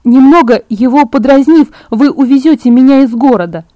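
A woman's voice: high voice, normal speed, warm tone, no room sound, pitched above the performer's own voice, lightly acted. A woman voicing a pleading, insistent teenage girl. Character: frightened determined teenage girl.

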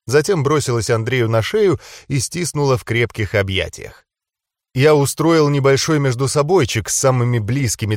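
A man narrating an audiobook in a steady storytelling reading. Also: mid-range voice, no room sound, clean studio sound. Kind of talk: scripted narration.

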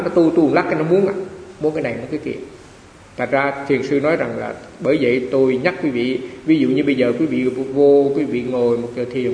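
A man's voice: mid-range voice, vocal fry, a little mellow. A man, a monk giving a Dharma talk in a chatty storytelling way, often repeating phrases. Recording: echoey hall with faint hiss.

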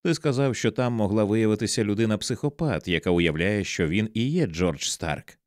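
Man voicing a sharp, tearful wife. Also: lowish voice, lively intonation, normal speed, no room sound, clean studio sound, lightly acted. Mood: pleading. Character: anxious, angry wife confronting her husband.

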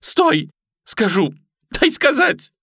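A man's voice: a little high, expressive, measured pace, a bit bright, no room sound, studio quality, pitched above the performer's own voice. A man reading an audiobook, voicing a frightened young boy thief who pleads and shrieks. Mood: terrified shrieking.

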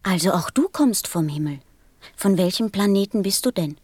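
A woman's voice: mid-range voice, animated, moderate pace, darkish tone, slightly rough, no room sound, studio quality. A woman playing an earnest, insistent small boy from another planet in an audio drama, with a childlike way of talking. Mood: curious, amused.

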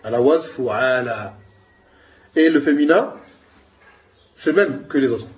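A man's voice: mid-range voice, slow, lo-fi sound. A man giving an Arabic grammar lesson, explaining patiently and asking his students questions. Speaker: Arabic teacher.

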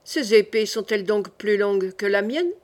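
A woman's voice: mid-range voice, normal speed, darkish tone, close to an everyday voice. A bold young nobleman, read by a woman. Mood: gallant. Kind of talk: audiobook reading.

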